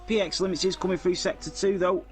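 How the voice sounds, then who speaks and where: A man's voice: high voice, fairly even intonation, fast, faint music behind. A man giving casual live commentary on an online racing league, reading out lap times and chatting with viewers. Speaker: race commentator.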